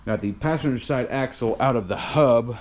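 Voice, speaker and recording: A man giving a casual car vlog in a tired, sedated, halting way, sounding drowsy and medicated. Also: mid-range voice, a little mellow, slight background noise. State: tired and drugged on muscle relaxers. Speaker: car vlogger and home mechanic.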